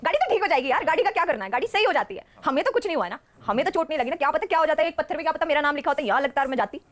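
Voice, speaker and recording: Woman, stage performer as guest, very quick talker, laughs easily. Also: high-pitched. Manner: animated storyteller who often laughs mid-sentence. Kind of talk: casual storytelling interview.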